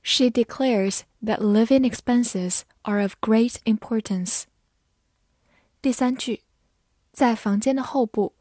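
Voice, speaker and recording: A woman reads out a vocabulary list at a very slow, deliberate pace, saying each English word twice before giving its meanings. Her tone is soft and mellow, and the recording sounds close and dry with no room around it. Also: a little high, no echo.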